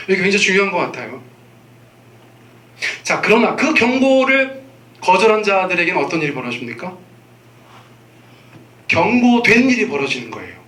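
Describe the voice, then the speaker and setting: A middle-aged man preaching a sermon as pastor, acting out warnings to his children with sudden loud calls. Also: high voice, echoey room. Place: church sanctuary.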